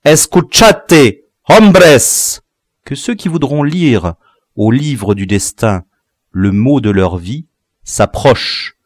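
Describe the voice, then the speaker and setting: Slow, expressive male audiobook narrator. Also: fairly low pitch, no room sound, studio quality. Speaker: audiobook reader. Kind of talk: scripted narration of a classic novel.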